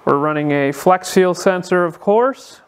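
A man hosting a casual walkthrough of a vehicle build in an indoor workshop, explaining things in a relaxed way with frequent filler sounds, recorded on the handheld camera he films with. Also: high voice, measured pace, smooth. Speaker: car builder and channel host.

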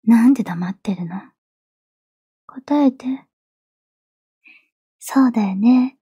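A yandere girlfriend in an ASMR role-play, high in pitch yet very dark and velvety in tone. She sounds obsessively devoted and clingy, sweet with menace underneath. The voice is close and dry. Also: takes it slowly, no echo, full character voice. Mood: obsessive, insistent. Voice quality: soft, breathy. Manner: yandere: obsessively loving, soft, pleading turning coldly threatening.

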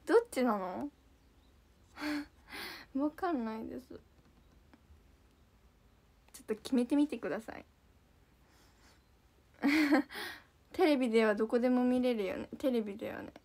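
High-voiced giggly young woman. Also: unhurried, pauses often, darkish tone. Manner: giggly, bubbly, often surprised. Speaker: idol livestream host. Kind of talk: casual livestream chat reading viewer comments.

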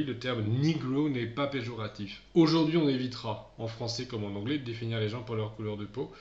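Male teacher, recorded video lesson, talks straight to his pupils, slow careful reading, muffled echoey room sound. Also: medium pitch. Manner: reads English passages slowly and clearly, then explains in relaxed French; speaks directly to pupils, often trailing off softly. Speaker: English teacher.

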